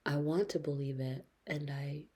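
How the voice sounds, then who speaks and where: A woman in her late twenties talking slowly and reflectively in a personal video diary, hesitant, her husky voice often sinking to a whisper. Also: deep voice, steady tone. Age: 20s. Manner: slow, reflective, hesitant, with soft laughs. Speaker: vlogger.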